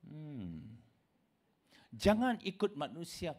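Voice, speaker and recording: A man preaching a sermon in an emphatic way, calling his listeners brothers and sisters, swinging from loud exclamations to low asides. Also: huge pitch swings, slow pace. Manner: addresses listeners as "saudaraku".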